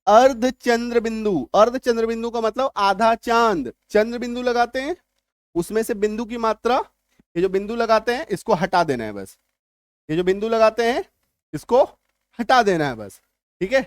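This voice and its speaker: A man teaching English spelling and pronunciation in Hindi, going slowly, repeating words and often checking whether his viewers understood. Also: high-pitched, animated, clean tone, dry recording, studio quality. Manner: slow and repetitive, often checking that viewers follow. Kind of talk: spoken Hindi spelling lesson.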